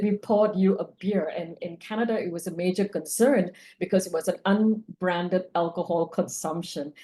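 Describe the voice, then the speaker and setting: A woman's voice: fairly low pitch, warm tone. A woman from Singapore giving a conversational online presentation over a video call, laughing often. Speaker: roundtable speaker.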